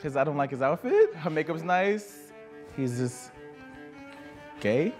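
Young New York man, talkative contestant, lively swooping voice, music under him. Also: on the high side, takes it slowly. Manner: talkative, brash and joking. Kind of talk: casual game-show banter.

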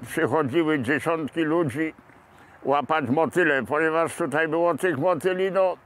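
A man in his seventies from Poland, recounting local history to camera outdoors in a park in a measured, pausing manner. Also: a little high, fairly bright tone. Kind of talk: unscripted reminiscence to camera.

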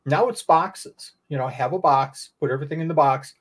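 A man's voice: fairly high pitch, brisk, breathy edge. A man hosting a livestream over a video call, chatty and reading out viewers' comments. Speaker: host. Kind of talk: casual livestream chat. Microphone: webcam on a video call.

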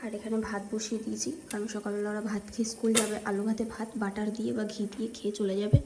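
A woman with a Bengali accent chatting softly in her home kitchen for a daily vlog, keeping her voice low so as not to wake the household. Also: level tone, racing, roomy sound, background noise. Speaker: vlogger.

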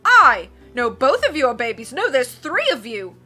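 A woman voicing a blustering, excitable male submarine captain from a storybook, roaring and constantly changing his mind. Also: sits high, soft background music, heavily acted. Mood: excited, effusive. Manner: roaring, self-contradicting, rapid changes of mind.

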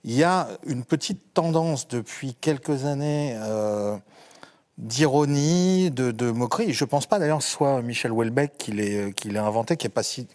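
Average-pitch guy on a panel, wry, lots of euh and restarts. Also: normal speed, a little mellow. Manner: hesitant and wry, with many fillers. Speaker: panel guest. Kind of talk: panel discussion.

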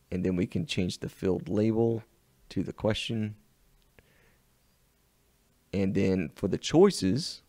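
Low gravelly Southern US man. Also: warm tone, dry recording. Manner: unhurried step-by-step walkthrough. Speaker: web design instructor. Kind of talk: screen-recorded software tutorial.

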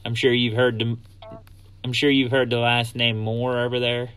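A man's voice: mid-range voice, monotone, moderate pace, a bit bright, clean tone. A man streaming a game, talking into his phone mic in a laid-back way and greeting viewers in chat. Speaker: gaming streamer. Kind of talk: casual gaming stream chat.

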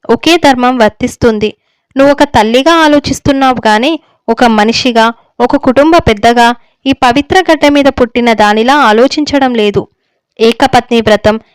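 A woman's voice: on the high side, smooth, dry recording, natural voice. A woman reading the lines of a stern older village elder husband who lectures on righteousness. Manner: stern, moralizing, unbending. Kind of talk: story reading.

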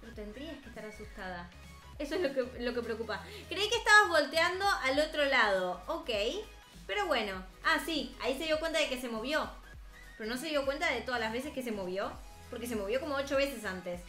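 Twenties woman, high and bright voice, chatty reaction commentary. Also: lively intonation, echoey room, faint music behind. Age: 20s. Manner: chatty, amused, quick asides. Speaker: YouTuber reacting to a cartoon story.

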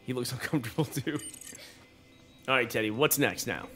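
Against faint background music, a man with a sharp, medium-pitched voice talks at a moderate pace while co-hosting a kids' gameplay show with his son. He's curious and playful, asking plenty of questions and cheering the boy on as they play.

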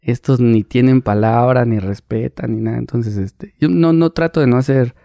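A Mexican man in his thirties, a paparazzi guest, telling animated stories in casual interview talk, acting out the people he quotes. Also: mid-range voice, normal speed, vocal fry, no room sound. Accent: Mexican Spanish. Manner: animated, acts out quoted voices, laughs mid-story.

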